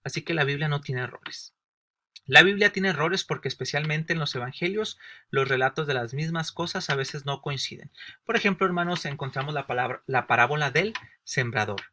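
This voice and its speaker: A man's voice: on the high side, a little fast, pushed and bright, slight background noise. A man teaching a Bible lesson for new believers. He explains with everyday examples, asks rhetorical questions and often addresses his listeners as brothers and sisters. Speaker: Sunday school teacher.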